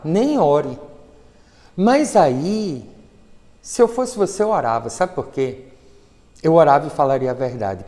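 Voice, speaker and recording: A man with a Brazilian accent giving an informal preaching talk, speaking intimately to the listener with slow, emphatic repetitions. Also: fairly high pitch, a little mellow, in a large hall. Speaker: spiritual speaker leading a prayer.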